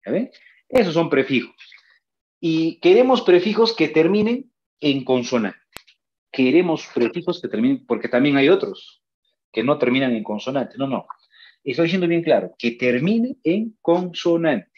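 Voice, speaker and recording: A man's voice: on the high side, lively intonation, normal speed, darkish tone, husky, highs cut off. A man teaching a pre-university grammar lesson. He speaks in a coaxing way, repeats his key points and calls the students "nene".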